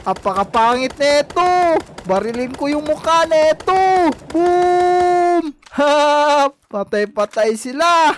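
A woman hosting a game video, talking in excited gameplay banter and yelping often. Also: high voice, takes it slowly. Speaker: channel host playing a game.

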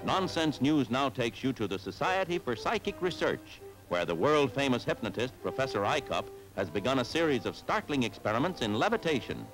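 Man, old newsreel narration, mock-serious announcer, lively swooping pitch, music behind. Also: a little fast, hardly any pauses, poor audio.

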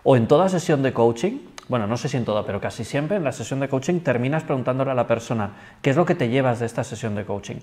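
A man talking fast in a mid-range voice, a coach who chats through his points on a panel talk show. He explains with quick asides and corrections as he goes. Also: medium pitch, animated, a little mellow. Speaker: coach and trainer.

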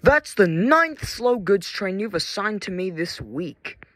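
A man's voice: sits high, sing-song, slow pace, bright, forceful tone, dry recording, pitched above the performer's own voice, exaggerated voice. A man voicing a smug, defiant engine. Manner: sarcastic, dismissive retorts. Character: smug lazy male tank engine, defiant.

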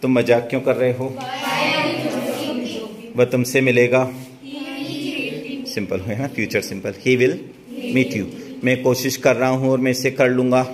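A man teaching English grammar at a deliberately slow pace, repeating each phrase. He checks in with his students as he goes. The clear buzz of a roomful of students sits behind his voice. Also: mid-range voice, fairly even intonation, a crowd in the background. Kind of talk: classroom grammar lesson.

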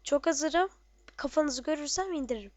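A woman giving casual, excitable commentary on her own gameplay, muttering to herself and shouting at enemies. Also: high-pitched, moderate pace, dry recording.

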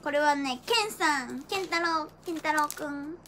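A teenage woman chatting casually on a livestream, excitable and giggly, with playful gyaru-style slang and silly sound effects. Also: high-pitched, normal speed. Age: teens. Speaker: idol livestreamer. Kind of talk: casual livestream chat, showing gifts. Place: small decorated room indoors. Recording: faint background noise.

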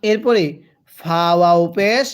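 A woman with a Bangladeshi Bengali accent teaching Quran letter reading, drilling slow call-and-repeat syllables for her class. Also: mid-range voice, clear, resonant tone. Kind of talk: slow drilled recitation lesson.

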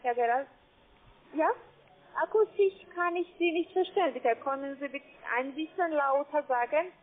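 Haltingly, and with frequent short check-in questions, a call-centre saleswoman makes her pitch. Her voice is very high, she has a foreign accent and isn't a native German speaker, and the phone line sounds narrow and muffled.

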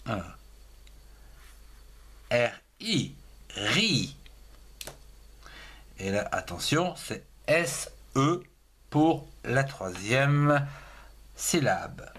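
Man spelling slowly for children. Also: mid-range voice, big pitch swings, a bit bright, slightly rough. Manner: spells words letter by letter, syllable by syllable. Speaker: teacher. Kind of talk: slow spelling lesson for children.

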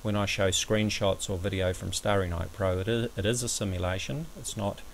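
A man giving a measured, somewhat hesitant step-by-step explanatory commentary over a screen recording, as an amateur astronomy presenter. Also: on the low side, steady tone, creaky, a little hiss or hum, poor audio.

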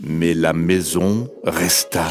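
A man narrating a children's storybook in an expressive, deliberate way, with music underneath. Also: low-pitched.

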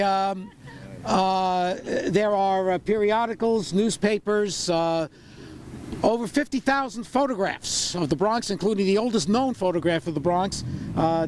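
A man's voice: high voice, darkish tone. Older New man guiding a street tour. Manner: rambling, many "uh" fillers, wry puns. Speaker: tour guide and borough historian. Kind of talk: outdoor walking tour talk. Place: city sidewalk outdoors in winter. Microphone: handheld microphone. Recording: street noise, far camera mic.

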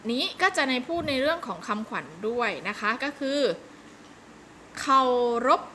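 Bright, patient woman teacher. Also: high voice, expressive, brisk, slight background noise. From Thailand. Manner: patient, explains step by step with frequent polite particles. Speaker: primary school teacher. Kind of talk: recorded online lesson for young pupils.

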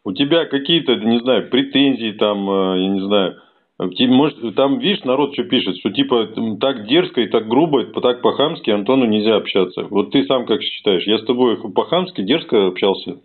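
A man hosts a casual phone conversation in a mid-pitched voice. He is blunt and repeats words for emphasis. The sound is narrow and tinny, like a phone line. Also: moderate pace. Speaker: host taking phone calls. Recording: band-limited, tinny phone call sound.

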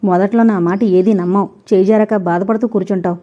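A woman's voice: medium pitch, steady tone, brisk, natural voice. A woman voicing a bitter older mother-in-law who snaps and scolds, in a dull lo-fi recording. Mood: scolding. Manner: scolding, snapping.

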